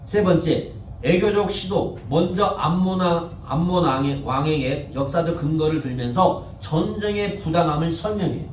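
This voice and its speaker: This high-pitched male pastor delivers his Sunday sermon in a chatty style, regularly asking the congregation something and then supplying the answer. There's slight background noise, and the distant mic picks up the echo of the church sanctuary.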